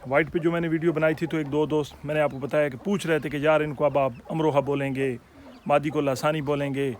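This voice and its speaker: A man's voice: fairly high pitch, a little hiss or hum. A man from Pakistan, a poultry breeder hosting a casual instructional video and explaining patiently to viewers he calls friends, checking in often with "theek hai". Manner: friendly, addresses viewers as friends and fellow hobbyists. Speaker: poultry breeder and channel host.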